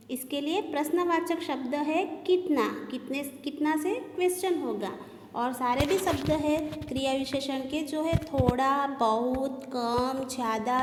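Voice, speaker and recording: A woman teaching a grammar lesson to children, slow and patient, listing examples and checking in with "okay". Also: high voice, a little hiss or hum. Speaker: school teacher. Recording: echoey room with long reverb.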